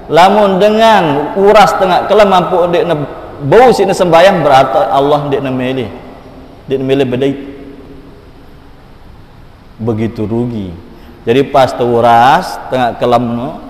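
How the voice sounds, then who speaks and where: Preacher with in an echoing hall. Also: male voice, medium pitch. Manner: emotive, swings from loud to hushed pleading. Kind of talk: sermon. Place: mosque hall. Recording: roomy echoing hall, faint ambience.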